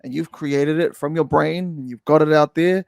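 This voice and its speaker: Gravelly laid-back New Zealand man. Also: a little high, fairly even intonation, normal speed, darkish tone, no echo, studio quality. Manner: laid-back slangy, lots of restarts and fillers. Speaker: podcast guest. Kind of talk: casual chat.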